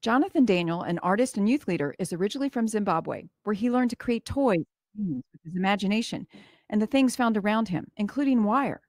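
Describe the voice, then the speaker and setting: A woman hosting a museum event, reading a scripted welcome and introduction in a clear, even way. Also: mid-range voice, brisk, dry recording, clean studio sound.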